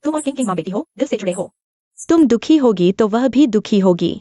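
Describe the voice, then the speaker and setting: A woman's voice: a little high, animated, brisk, mellow. A woman voicing a wealthy middle-aged mother who speaks in uneasy questions in a dubbed drama.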